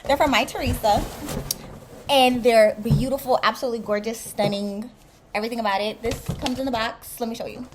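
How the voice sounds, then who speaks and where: A young woman, chatting excitedly through a casual unboxing vlog and calling her viewers y'all. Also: a little high, fairly quick, noisy background. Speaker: vlogger.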